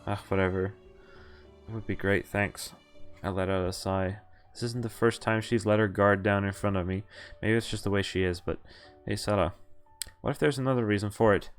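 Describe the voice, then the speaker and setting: A man with a lowish, clean-toned voice streams a visual novel. He reads its lines aloud, then breaks off to react and explain, letting out animated exclamations and groans.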